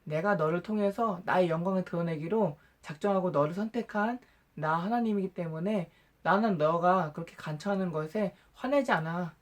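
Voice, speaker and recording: A man voicing God as a male deity in a Bible storybook reading, calm, patient and reassuring. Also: high voice, moderate pace, lightly acted. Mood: gracious, reassuring.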